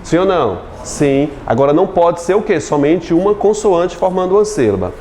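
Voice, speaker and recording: A Brazilian man teaching Portuguese syllable division in a video lesson. He poses questions to the class, answers them himself, and draws out syllables slowly as he spells words. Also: fairly high pitch, big pitch swings, warm tone, a little hiss or hum.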